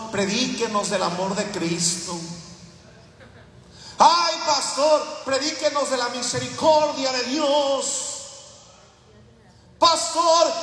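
A man putting on the voice of a pushy churchgoer who begs the pastor loudly and whines, heard in an echoey hall. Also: extremely high pitch, recorded from a distance, voice pushed up, full character voice. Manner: loud, whiny pleading, near shouting. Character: pushy churchgoer pleading with the pastor, either sex.

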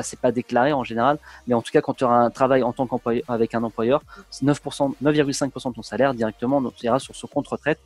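A man hosting a casual interview, chatty and full of restarts, giving practical advice to viewers. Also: mid-range voice. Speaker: host.

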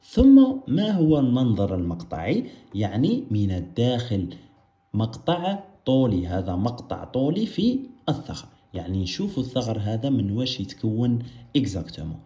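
A man's voice: medium pitch, big pitch swings, normal speed, mellow, roomy sound. A man with an Algerian Arabic accent teaching a biology lesson, asking his students questions and answering them himself while repeating the key terms. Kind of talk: explaining a science lesson.

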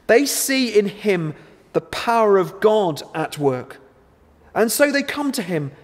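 A man in his thirties delivering a sermon to camera in a measured, earnest, deliberate way. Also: high voice. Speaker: preacher. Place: large church interior. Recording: long church reverb.

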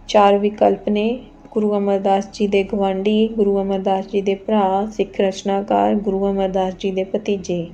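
A woman's voice: mid-range voice, dark tone. A woman, teaching an exam quiz lesson, reading out each question and its options and then giving the answer politely and patiently.

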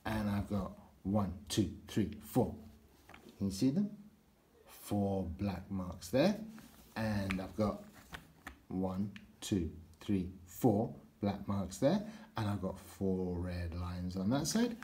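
A man voicing a friendly red toy dump truck that talks in a mellow, dark tone. It takes its time, counting its lights and marks one by one for small children. The voice stays close to an everyday speaking voice. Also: low voice, expressive, slight background noise. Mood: cheerful. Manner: slow and counting, explaining itself.

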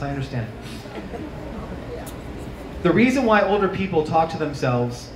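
A man in his thirties performs a stand-up set into a handheld mic on a small outdoor rooftop stage with plants. He's animated, jumping to high yelps on punchlines as a live audience laughs. Recorded by a distant camera, the sound has roomy echo and noisy ambience.

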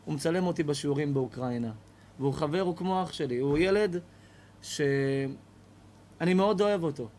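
A man's voice: fairly high pitch, darkish tone, a little hiss or hum. A man, a rabbi, giving a storytelling lesson to a live audience, repeating phrases as he tells it.

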